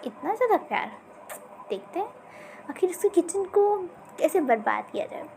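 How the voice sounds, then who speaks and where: Affectionate young man, gentle and teasing, read by a woman narrator. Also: very high voice, very animated, moderate pace, creaky, a little hiss or hum, pitched above the performer's own voice, full character voice.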